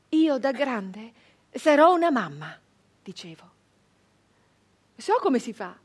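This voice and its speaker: An actress delivers an intense theatrical monologue as a passionate, wistful village woman of the 19th century, swinging between hushed and loud. Her voice is high-pitched and exaggerated, with a childlike, eager mood.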